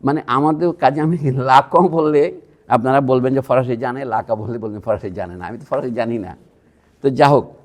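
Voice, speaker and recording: A man's voice: mid-range voice, mellow. A man from Bangladesh giving a public lecture at a university, talking in a digressive, conversational way with asides to the audience. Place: university museum hall.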